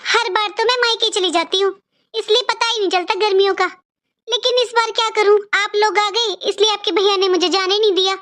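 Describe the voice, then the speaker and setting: A woman's voice: very high-pitched, steady tone, fairly quick, pushed and bright. A woman voicing a whiny, house-proud sister-in-law. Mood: complaining. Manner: whiny, sugary complaining. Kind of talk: cartoon voice acting.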